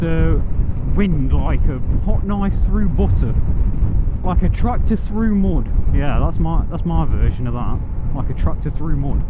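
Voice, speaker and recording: A man chatting casually and colloquially as a motovlogger, with a chirpy, rambling manner and some mild swearing, recorded while riding outdoors. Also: on the high side. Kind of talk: casual rambling chat to viewers. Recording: loud wind and engine noise. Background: wind, motorbike engine, passing traffic.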